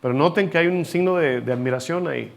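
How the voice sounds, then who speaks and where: Man preaching in a fairly high voice. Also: fast, vocal fry. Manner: teaching, asks the congregation to repeat words; rhetorical questions to the listeners. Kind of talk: sermon.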